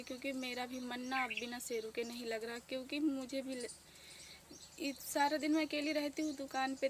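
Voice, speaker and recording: A woman in her thirties speaking softly with grief as she tells a casual village vlog story outdoors. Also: high-pitched. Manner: grieving, soft-spoken. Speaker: village vlogger. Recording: noisy outdoor village ambience.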